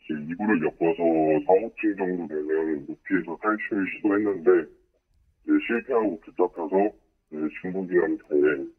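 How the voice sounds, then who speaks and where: A caller whose voice has been pitched down to disguise it, so it sounds deep and a little husky. It comes through a narrow, muffled phone line. The speech moves haltingly, in short broken phrases. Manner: hesitant, short broken phrases with many fillers. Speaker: phone-in interviewee. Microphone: telephone.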